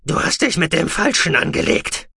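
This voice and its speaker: A man puts on an enraged, gloating researcher in a science-fiction audiobook. The voice is raised well above the narrator's own, loud and forceful. The threats come slowly and with heavy emphasis. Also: a little high, sing-song, creaky, slightly rough, no room sound, studio quality, pitched above the performer's own voice, exaggerated voice. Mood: furious. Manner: angry, triumphant, loud. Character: furious vengeful male researcher in a fight.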